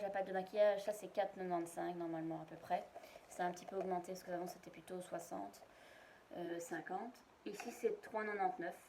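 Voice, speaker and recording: A woman's voice: mid-range voice, slight background noise. A woman showing her shopping finds in a casual, rambling home video, full of hesitations. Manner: chatty, rambling, many hesitations. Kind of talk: casual product show-and-tell. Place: at home, indoors.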